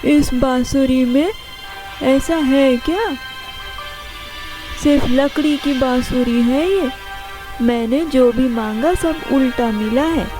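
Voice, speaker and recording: In a Hindi children's cartoon, a woman voices a sly, whining young boy who steals a magic flute. Her high-pitched, slow delivery is exclamatory and defensive as he talks to himself, with music playing beneath the voice.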